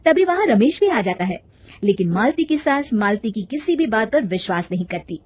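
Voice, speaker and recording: A woman narrating a cartoon story in a steady, plain way. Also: on the high side, normal speed, husky.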